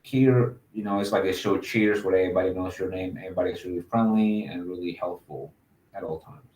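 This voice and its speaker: An admissions officer from Mexico answers interview questions in a casual, upbeat way, using lots of fillers. He has a low, steady, brisk, slightly mellow voice, recorded at low quality in an echoey room.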